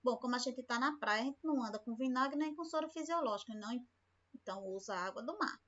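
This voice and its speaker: A Brazilian woman teaching a remote science lesson to children, explaining slowly and often checking in with the class. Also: a little high, fairly bright tone. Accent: Brazilian Portuguese. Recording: lo-fi home recording.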